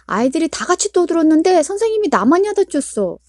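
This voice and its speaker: A woman's voice: very high voice, big pitch swings, fast, darkish tone, dry recording, studio quality, pitched above the performer's own voice. A woman voicing an upset young schoolchild who complains and talks back in a whiny, indignant way. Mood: aggrieved.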